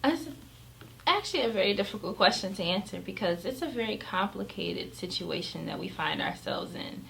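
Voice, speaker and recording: A woman who is a pediatric emergency doctor, giving measured, earnest answers in an interview. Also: medium pitch, animated, gravelly, a bit bright, slight background noise, low-quality recording.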